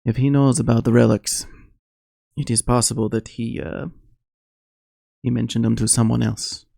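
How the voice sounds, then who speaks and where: A man voicing a thoughtful, cautious woman adventurer with an Eastern European accent, deliberate in speech. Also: mid-range voice, level tone, vocal fry, mellow, no room sound, studio quality.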